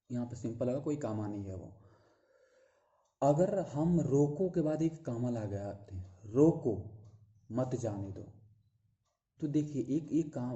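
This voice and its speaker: A man teaching a recorded lecture on teaching methods, explaining slowly with many fillers and restarts and talking straight to his students. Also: medium pitch, warm tone. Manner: talks directly to students, repeating key phrases. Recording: dull lo-fi audio.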